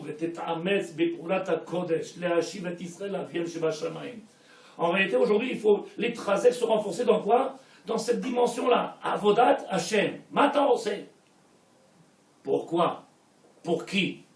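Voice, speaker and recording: A man with a French Israeli accent teaches Torah in a high, lively voice, dropping to near-whispers and then rising to shouts. He mixes Hebrew phrases into his sermon. The recording sounds roomy and distant, with the mic set well away from him. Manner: animated, swings from soft to shouting, peppered with Hebrew. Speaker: rabbi giving a Torah class. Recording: echoey room, mic at a distance.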